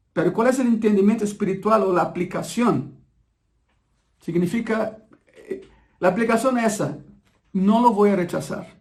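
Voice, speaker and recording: A man preaching a sermon, emphatic and repeating key phrases slowly so the congregation absorbs them. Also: high voice, darkish tone.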